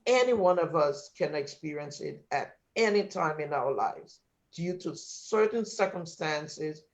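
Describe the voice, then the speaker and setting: A man from Liberia with a North American accent speaks as a panelist in a discussion, earnest and emphatic, with a few restarts. His voice is fairly high with lively intonation, a measured pace, and vocal fry. The sound is dull and lo-fi.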